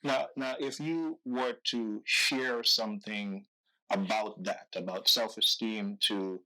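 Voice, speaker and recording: A man from Guyana hosting an interview, asking questions slowly and haltingly, with many ums and repeated words. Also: lowish voice, fairly even intonation, sharp tone, rough recording. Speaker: interview host.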